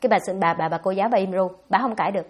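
Fast, blunt nun. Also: female voice, mid-range voice. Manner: blunt, scolding, fast-talking. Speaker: Buddhist nun answering questions. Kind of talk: dharma talk Q&A.

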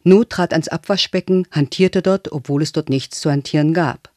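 A man narrating a literary audiobook in an even, matter-of-fact way. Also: fairly high pitch, moderate pace, no room sound, clean studio sound.

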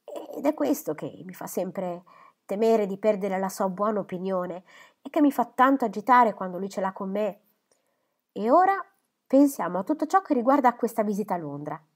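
A woman voicing a lively, impulsive young woman in a storybook reading, eager and quick to brighten. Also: mid-range voice, natural voice.

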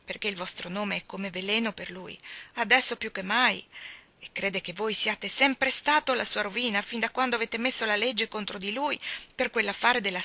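A woman's voice: medium pitch, vocal fry, sharp tone, no echo. A woman reading an audiobook, voicing a fretful middle-aged miller's wife who rambles and pleads anxiously.

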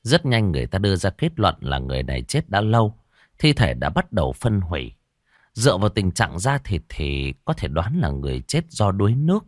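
A man reading a horror story aloud with dramatic, expressive delivery. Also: deep voice, fairly quick, no room sound, studio quality. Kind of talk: scripted horror story narration.

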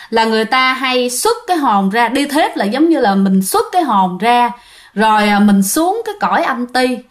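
A woman telling ghost stories in a casual, chatty way, often speaking straight to her listeners. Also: a little high. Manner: chatty, addresses listeners directly, with fillers. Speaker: ghost story narrator. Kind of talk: casual spoken storytelling.

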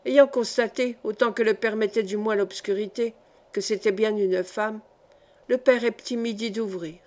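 A woman's voice: medium pitch, fairly even intonation, normal speed, darkish tone. A woman narrating a short story as an audiobook reader, giving every character's lines in much the same voice.

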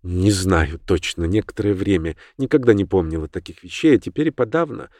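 A man's voice: sits low, animated, fairly quick, darkish tone, no echo, studio quality. A man reading an audiobook, voicing a flustered, forgetful older woman who talks hesitantly. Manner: fretful, hesitant.

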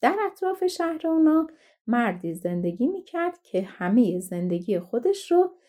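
A woman narrating a fairy tale audiobook in a calm, measured way. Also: fairly high pitch. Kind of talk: storybook narration.

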